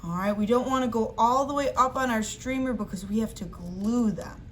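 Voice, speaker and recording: Speaking directly to young kids, a teacher with a high voice gives easy craft directions step by step at a normal speed. Noticeable background noise runs under her voice.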